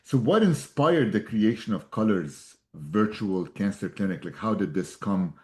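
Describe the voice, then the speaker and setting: A man's voice: lowish voice, expressive, a little slow. A man hosting a podcast interview, asking questions in a casual, hesitant way with fillers. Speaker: podcast host.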